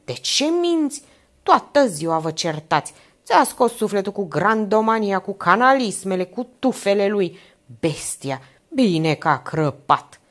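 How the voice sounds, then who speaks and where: A woman's voice: medium pitch, sing-song, pitched above the performer's own voice, lightly acted. A woman voicing a furious ranting old man.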